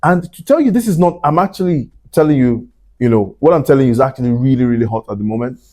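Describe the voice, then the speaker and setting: Mellow-voiced man hosting a chatty interview. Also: medium pitch, animated, fast talker. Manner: chatty, lots of fillers and asides. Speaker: podcast host. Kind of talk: casual interview chat. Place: Glasgow.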